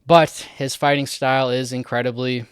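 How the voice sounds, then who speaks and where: A young Canadian man talks through fight results in a loose, chatty way, chuckling often between points. His voice is smooth and clear, and the recording is dry and close with no room sound. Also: mid-range voice, flat delivery, normal speed, dry recording. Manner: chatty, laughs often, many fillers. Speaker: MMA fight commentator. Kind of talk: casual fight breakdown.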